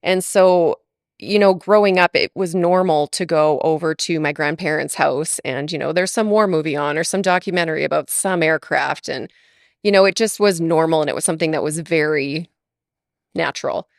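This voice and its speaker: A podcast guest from Alberta, Canada, chats casually in an interview, laughing a lot and using plenty of fillers. She has a low-pitched voice at normal speed, recorded cleanly in a studio with no room sound.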